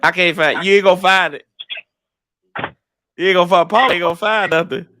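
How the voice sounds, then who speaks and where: A man hosting a football fan reaction livestream, talking in loud, mocking banter. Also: sits high, fairly quick, over music. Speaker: host of a football reaction stream. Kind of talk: casual fan play-by-play reaction.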